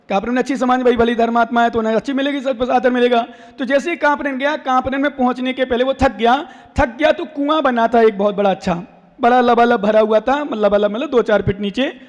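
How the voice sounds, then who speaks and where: A man, a Jain monk, giving a sermon full of folk stories, acting out the characters and often asking his listeners questions. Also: very high-pitched. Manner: animated storyteller acting out characters, asks the audience questions. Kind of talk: sermon with storytelling. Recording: long hall reverb.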